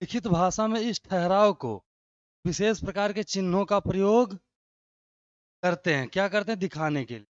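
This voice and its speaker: A man with a high, smooth voice teaches a grammar lesson online at a normal speed, explaining step by step and answering his own questions. He keeps checking with listeners by asking "right?" The recording is dry, echo-free, dull and lo-fi.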